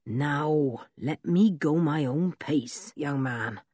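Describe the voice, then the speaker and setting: A woman voicing an old male village blacksmith who tells a story slowly and in a rustic way, with a husky voice. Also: low-pitched, darkish tone, dry recording, studio quality, heavily acted. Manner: slow, drawn-out, rustic storytelling. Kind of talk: audiobook character reading.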